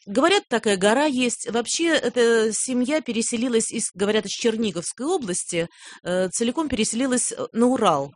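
An older woman talking as a guest in a radio studio, explaining things and often pausing on "э". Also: on the high side, lively intonation. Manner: explanatory, with frequent "э" hesitations. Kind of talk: radio interview conversation.

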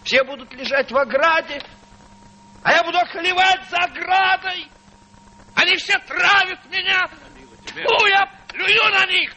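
An actor playing an aging, gray-haired, embittered playwright on stage, swinging between broken whispers and furious shouts. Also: male voice, medium pitch, big pitch swings, unhurried, vocal fry, long pauses, slight background noise, heavily acted, low-quality recording. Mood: raging. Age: older. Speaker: lead actor in a stage play. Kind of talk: theatrical stage acting.

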